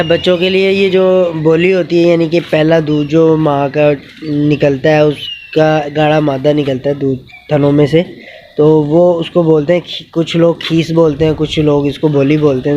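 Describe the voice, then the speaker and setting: A man talks through goat care outdoors in a casual vlog, unhurried and full of pauses. His voice is mellow and dark, with a fairly high pitch and an almost flat, level tone. The phone audio is dull and lo-fi, with faint outdoor ambience behind him. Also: slight background noise. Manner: unhurried, explanatory, with many pauses and fillers. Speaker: goat keeper and channel host. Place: outdoors in a yard with animals.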